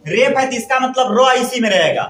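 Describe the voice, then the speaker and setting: A male teacher drilling a lesson, asking questions and answering them himself with steady repetition. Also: very high voice, normal speed. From India. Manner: asks questions and answers them himself, repeating each point. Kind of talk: classroom grammar lesson. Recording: echoey room.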